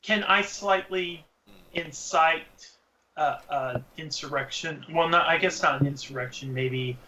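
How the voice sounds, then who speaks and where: A man's voice: a little high, a little slow, a crowd in the background, low-quality recording. A man on a video call joining a live-stream chat, teasing the others and stammering as he starts his sentences.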